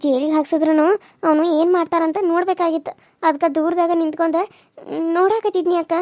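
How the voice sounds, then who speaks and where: An earnest young village woman, voiced by a woman in a cartoon serial, speaking with a North Karnataka accent. She coaxes and apologizes in a very high voice, recorded dry and close. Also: fairly even intonation, fast, a little mellow, dry recording. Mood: apologetic. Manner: coaxing, apologetic.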